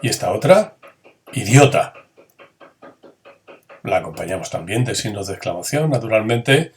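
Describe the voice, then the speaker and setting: A man gives a grammar lesson in a fairly low voice. He puts questions to his students and answers them himself. He acts out the intonation of each example sentence. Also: lively intonation, a little fast, slight background noise. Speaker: teacher.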